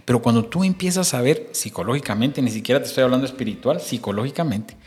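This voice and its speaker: A man's voice: medium pitch, animated, quick pace, darkish tone. Middle-aged male host, preachy. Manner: preachy, addresses listener directly, acts out little quotes.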